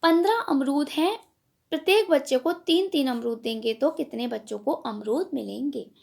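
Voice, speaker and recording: High-voiced woman teaching exam answers. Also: moderate pace, gravelly, a little mellow. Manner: explains step by step, asks and answers own questions. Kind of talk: exam revision lesson.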